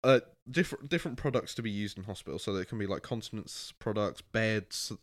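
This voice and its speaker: A British man co-hosting a casual chat podcast, animated and ranting, often laughing and acting out what people said to him. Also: on the low side, brisk. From Britain. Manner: animated, ranting, laughs a lot, acts out quotes. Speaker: podcast co-host.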